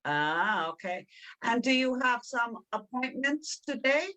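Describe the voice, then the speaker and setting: Bright-voiced woman teacher asking simple questions. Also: on the high side, animated, takes it slowly. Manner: patient, simple questions to learners. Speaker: language instructor.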